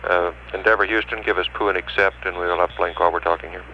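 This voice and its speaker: A man's voice: low-pitched, steady tone, fast, highs cut off, slight background noise. A man at mission control speaking in clipped, formal radio procedure over an archival space radio link. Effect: space radio transmission. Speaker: mission control capsule communicator. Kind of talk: procedural radio communication, reading out numbers.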